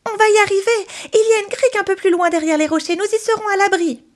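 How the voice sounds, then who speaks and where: A woman voicing a shrill young puppet boy. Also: quick pace. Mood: urgent. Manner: shrill excited calls. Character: eager young male wooden puppet boy. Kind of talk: storybook reading.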